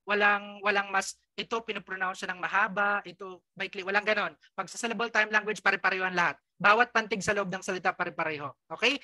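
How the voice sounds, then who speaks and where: A woman's voice: mid-range voice, pushed and bright, dry recording. A woman with a Filipino accent teaching an online exam review, explaining loosely with many fillers and often checking whether the class follows. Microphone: close mic, online class.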